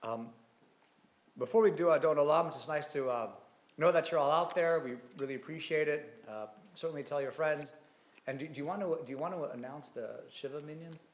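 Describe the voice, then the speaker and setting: A man's voice: a little high, a little fast. A man serving as cantor, chanting and singing liturgy in a synagogue sanctuary. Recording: echoey livestream room.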